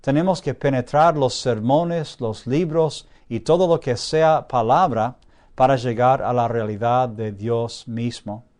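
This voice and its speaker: A man teaching a Bible class, pausing on drawn-out "ah" fillers, slowing down to stress key phrases and checking in with his listeners with a questioning "sí". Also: mid-range voice, steady tone, a little mellow. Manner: frequent drawn-out "ah" fillers while thinking. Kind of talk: classroom lecture.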